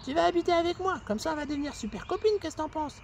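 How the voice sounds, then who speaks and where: A woman voicing a kind, friendly female flower in a children's story, speaking gently and reassuringly. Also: high voice, lively intonation, very fast, gravelly, slight background noise. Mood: gentle.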